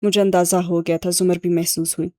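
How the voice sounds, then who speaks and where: A composed, clever young woman, read by a woman narrator lays things out calmly and knowingly. The voice sits low and mellow, and the recording is dry and close, as in an audiobook. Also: no echo, natural voice.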